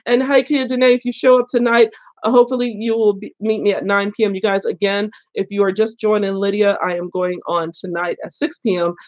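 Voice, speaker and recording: A woman's voice: mid-range voice, flat delivery, brisk, muffled recording. An older woman hosting a casual book live stream with a head cold, chatty and laughing often as she greets viewers. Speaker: booktube host.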